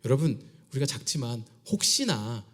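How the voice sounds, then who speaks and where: Animated pastor preaching with lively swings. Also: male voice, medium pitch, moderate pace. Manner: animated preaching, voicing God and Jonah in dialogue, dropping to whispers. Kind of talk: sermon. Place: church sanctuary.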